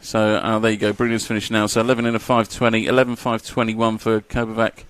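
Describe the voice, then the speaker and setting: A man's voice: lowish voice, completely flat delivery, fast, smooth, no echo. A man doing live race commentary, chatty and jokey as he reads out lap times.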